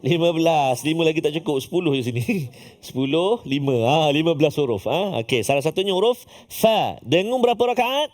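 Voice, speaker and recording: A man's voice: on the high side, expressive, fairly quick, darkish tone. A man with a Malaysian Malay accent teaching tajwid, who drills letters aloud and praises often. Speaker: Quran recitation teacher. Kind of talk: tajwid lesson with recitation drills.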